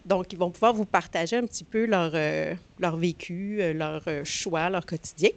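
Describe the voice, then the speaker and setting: A woman's voice: lowish voice, normal speed. A woman with a Quebec French accent hosting a conference with an informal, hesitant introduction, often searching for words. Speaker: conference host.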